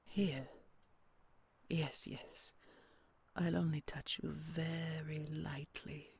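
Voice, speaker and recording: A woman with a deep, somewhat mellow voice and little pitch movement acts out a possessive dragon queen for an audio roleplay, a character who is fierce to rivals but tender with her treasure. Heavily acted and often whispered, her delivery is slow, gravelly, and soothing.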